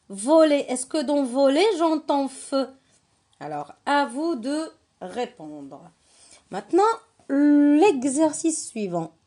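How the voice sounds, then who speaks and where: Slow, patient woman teaching reading. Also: a little high, a little mellow. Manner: patient, repeats and spells out syllables; poses questions to young learners. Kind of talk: slow reading lesson for children.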